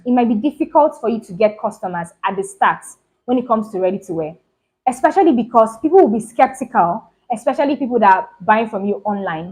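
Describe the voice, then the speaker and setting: A woman hosting her own channel, giving a casual lesson on running a clothing business, talking fast and often checking "do you understand?". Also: fairly high pitch, a little mellow, low-quality recording. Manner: talks fast, repeats points, keeps asking "do you understand?". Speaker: fashion business channel host. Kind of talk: casual instructional talk to camera.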